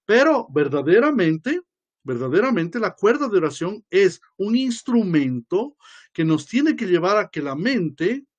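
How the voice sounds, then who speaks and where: Archbishop type, high-pitched man, loose lecturing delivery with asides and tag questions. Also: big pitch swings, a little slow, lo-fi sound. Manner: conversational, often adds tag questions; acts out quoted voices. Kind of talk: informal religious lecture.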